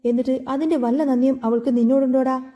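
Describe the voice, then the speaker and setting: A woman narrator voicing a scornful, scheming middle-aged woman who mocks and shouts taunts in a storybook retelling. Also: high-pitched, steady tone, fast talker, lo-fi sound, lightly acted.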